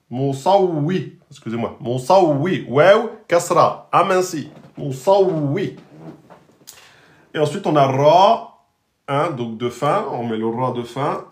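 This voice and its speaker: A man's voice: mid-range voice, slow. A man teaching an online lesson on Arabic letters, patiently repeating and drilling each pronunciation. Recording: roomy echo.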